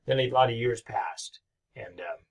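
Unhurried and slightly breathy, a middle-aged man with a mid-range voice gives a recorded history lecture from his home office. This history professor rambles with enthusiasm, full of fillers.

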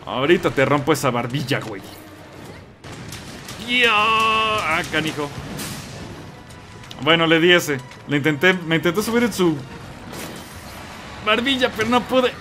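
A young Mexican man with a Mexican Spanish accent commenting on his own gameplay, excitable and quick to yelp and curse. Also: fairly high pitch, soft background music. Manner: excitable, yelps and curses at the game. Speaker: gamer. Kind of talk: let's play commentary.

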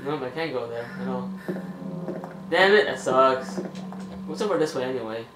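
A man's voice: medium pitch, animated, moderate pace. A man giving loose, casual commentary while playing a horror video game, swearing at it now and then and talking to his viewers. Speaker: let's play host. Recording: roomy echo with loud game music. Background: loud game soundtrack.

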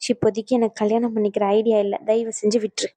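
A woman's voice: fairly high pitch, level tone, quick pace, warm tone, no echo, natural voice. A woman voicing an unwell, stubborn young granddaughter in a cartoon, exasperated and pleading. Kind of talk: cartoon voice acting.

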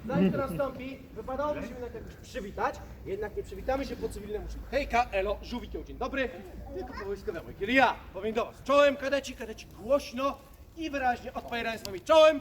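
A man's voice: very high-pitched, animated, quick pace. A man guiding a tour as a mock-stern army corporal, barking commands and instructions like a drill sergeant. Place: outdoor fort tour with a group. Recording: distant mic, crowd around.

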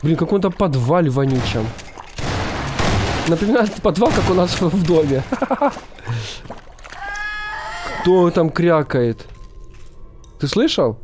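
A young man giving casual, jumpy and excitable commentary as he streams a co-op horror game. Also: on the high side, moderate pace, pauses often. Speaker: gaming streamer. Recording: game music behind the voice.

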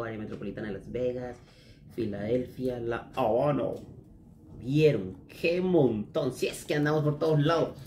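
A man's voice: mid-range voice, darkish tone, a little hiss or hum. A man chatting casually in a vlog, reading lists aloud and musing to himself as he goes. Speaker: vlogger.

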